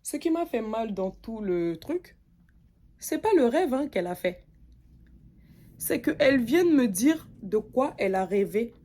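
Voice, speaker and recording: A young woman from French Guiana telling an animated, indignant story in a casual rant. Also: fairly high pitch, measured pace. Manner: animated, indignant, mimics others' voices. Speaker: content creator.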